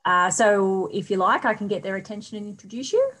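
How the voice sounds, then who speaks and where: A woman's voice: medium pitch, brisk, fairly bright tone. A woman class teacher keeps things chatty and encouraging, with a mid-range voice. She talks over a video call. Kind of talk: online class chat.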